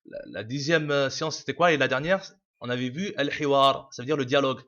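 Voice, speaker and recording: A man's voice: mid-range voice, brisk, bright, forceful tone. A man teaching a casual video lesson, explaining patiently with many fillers, restarts and repeats. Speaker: Arabic teacher. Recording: dull lo-fi home recording.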